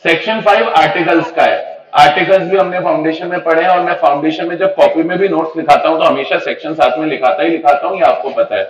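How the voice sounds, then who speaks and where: A man teaching law in a classroom lecture, playful and chatty, calling his students "beta" and repeating phrases for emphasis. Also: a little high. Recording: echoey room, voice picked up from a distance.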